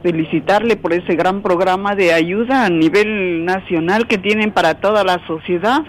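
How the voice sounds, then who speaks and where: A woman's voice: fairly low pitch, normal speed. A middle-aged woman, calling a radio show over a phone line and asking a question politely, rambling and searching for words. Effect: heard over a phone line. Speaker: caller.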